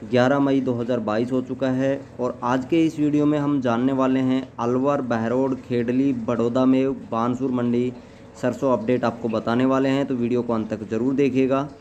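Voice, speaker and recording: A man's voice: mid-range voice, steady tone, normal speed, mellow. Guy reading a market price update like news, kinda muffled audio, bit of noise behind him. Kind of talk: scripted news-style voice-over narration.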